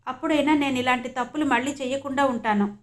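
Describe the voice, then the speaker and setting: A woman's voice: high voice, steady tone, fast talker, close to an everyday voice. Woman reading as a remorseful young wife. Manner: apologetic, earnest.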